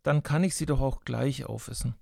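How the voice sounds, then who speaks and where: A man's voice: medium pitch, moderate pace, vocal fry, darkish tone, dry recording, clean studio sound. A man voicing a hungry, greedy boy who talks himself into eating more. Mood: scheming. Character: greedy hungry boy, sly and self-justifying.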